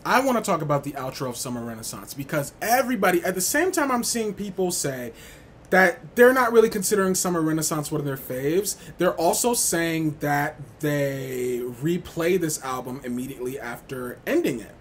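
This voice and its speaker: A man's voice: on the high side, expressive, moderate pace, a little hiss or hum. A man ranting wildly and casually as a music reviewer, sassy and slangy, swearing and repeating himself for emphasis. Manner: wild, over-the-top ranting with emphatic repetition. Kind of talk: unhinged casual rant ranking album tracks.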